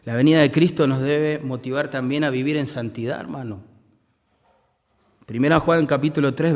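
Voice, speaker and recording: A man's voice: fairly high pitch, big-room sound. A man with a Rioplatense Argentine accent preaching a sermon as pastor, speaking conversationally and asking the congregation rhetorical questions. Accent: Rioplatense Spanish. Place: church hall.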